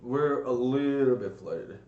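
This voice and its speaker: A man's voice: medium pitch, slow pace, darkish tone, echoey room, lo-fi sound. A man streaming a card game, thinking aloud in a casual, hesitant way with many fillers. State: burping and coughing at times. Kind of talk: casual live-stream commentary.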